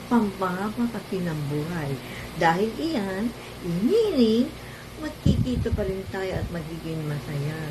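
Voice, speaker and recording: An older woman's lowish voice, slightly lisping through missing front teeth, over clear background noise. She chats and jokes like a storyteller in a homemade birthday greeting. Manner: chatty, jokey, storytelling. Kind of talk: casual birthday video greeting. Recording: noisy amateur video with ambient noise.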